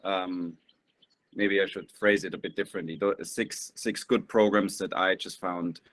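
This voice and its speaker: A man's voice: low-pitched, steady tone, unhurried, fairly bright tone. A young man in his twenties answering questions as a guest on a webinar, hesitant and full of "um"s. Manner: hesitant, many "um"s. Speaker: guest, business school applicant. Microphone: video call.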